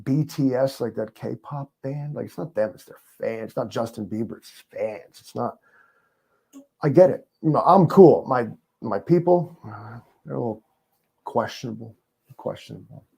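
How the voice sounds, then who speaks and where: A man talks as an interview guest, loose and rambling, full of fillers and sarcastic jokes. His voice is mellow and dark, sitting at an ordinary pitch for a man. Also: moderate pace, vocal fry, breathy edge. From New York. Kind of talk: casual interview chat.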